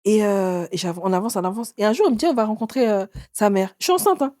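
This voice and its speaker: A woman in her forties tells her own story as an interview guest, her voice sitting mid-range. She acts out what others said with sudden jumps in pitch. The sound is dry and close. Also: fast, dark tone, no echo.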